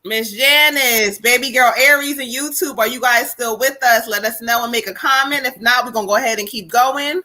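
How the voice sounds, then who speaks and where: This is a woman hosting a casual live tarot stream. She talks loose and slangy, laughs easily and swears now and then. Her voice is bright and a little high. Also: normal speed, hardly any pauses, rough recording. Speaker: tarot reader and co-host.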